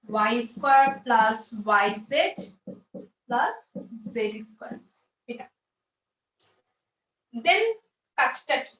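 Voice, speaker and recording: A woman with a high-pitched, sharp voice explains a math lesson step by step, posing questions and then answering them herself. The mic is distant, leaving her off-mic in a roomy echo.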